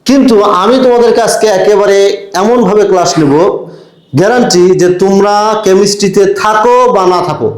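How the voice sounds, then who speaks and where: A man's voice: high voice, echoey room, poor audio. A man with a Bangladeshi Bengali accent teaching a chemistry lesson, talking straight to his students and stretching out key syllables to drill the terms. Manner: direct, encouraging address to students. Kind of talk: classroom lecture.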